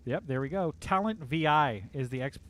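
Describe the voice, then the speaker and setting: The host's voice is a little high and somewhat bright, expressive and at a moderate pace. He's streaming a casual game from his home, keeping the chat upbeat and reading viewers' comments aloud.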